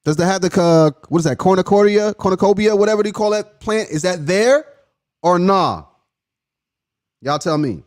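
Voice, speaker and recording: A man's voice: sits high, normal speed. A man hosting a casual live stream, playfully quizzing his viewers and laughing often as he talks. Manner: playful, teasing, questioning the audience; laughs often, swings from loud to hushed.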